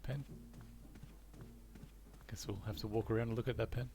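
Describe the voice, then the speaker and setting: A man's voice: mid-range voice, little pitch movement, normal speed. A man playing a video game and giving casual let's play commentary. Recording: loud game music behind.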